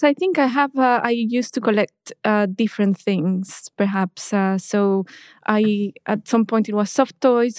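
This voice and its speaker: A Mexican woman in her thirties speaks as a guest in a relaxed interview, hesitating often, restarting sentences, and laughing softly. Her pitch is medium, and the studio recording is clean with no echo.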